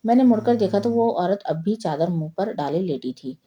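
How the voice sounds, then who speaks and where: A woman reading a horror story aloud in a steady, low-key way. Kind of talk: scripted horror story narration.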